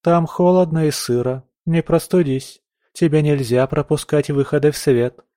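A man's voice: on the high side, fairly even intonation, moderate pace, mellow, no room sound, voice pushed up, close to an everyday voice. A strict countess lectures her daughter in a raised, stern audiobook voice, as a male narrator puts her on. She sounds complaining and commanding. The recording is dry and close. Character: strict aristocratic countess mother, middle-aged woman. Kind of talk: audiobook character voice.

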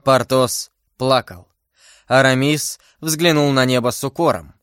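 A man narrating a classic novel aloud as an audiobook, in a steady, measured voice. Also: mid-range voice, smooth, no room sound, studio quality. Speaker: reader.

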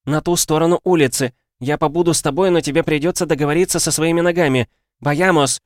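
A man's voice: fairly high pitch, steady tone, fast talker, no echo, clean studio sound, pitched above the performer's own voice, close to an everyday voice. A man doing a fierce commanding woman. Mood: urging. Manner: urgent, commanding, raised voice. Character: fierce determined grown woman shouting orders. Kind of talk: audiobook character voice.

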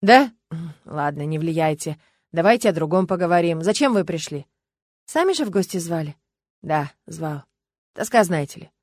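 A woman's voice: on the low side, animated, moderate pace, dry recording. A woman reading as a bitter, brooding man. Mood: gloomy. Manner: agitated, loud, sardonic outbursts. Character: gloomy bitter middle-aged man, brooding and volatile. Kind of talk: audiobook reading.

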